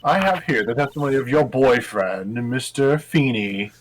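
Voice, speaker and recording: A man's voice: medium pitch, animated, normal speed, a crowd in the background, natural voice, rough recording. Man reading as a dramatic, probing courtroom lawyer. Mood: stern, pressing. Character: stern, probing courtroom lawyer pressing a witness. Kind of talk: amateur video game dub. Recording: music behind the voice.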